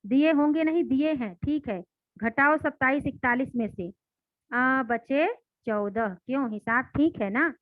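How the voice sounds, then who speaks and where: Brief: stern cheating homeowner who shouts at his governess, read aloud by a woman teacher, higher pitch, dry phone-line recording. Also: slow, no echo. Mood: stern, scolding. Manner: harsh, scolding, loud. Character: stern scheming male homeowner, scolding. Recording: dry, tinny phone-like sound.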